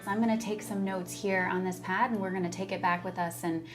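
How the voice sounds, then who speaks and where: A woman speaking as a benefits case worker in a scripted training role-play, calm and reassuring as she explains. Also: on the low side, quick pace. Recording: music bed under speech.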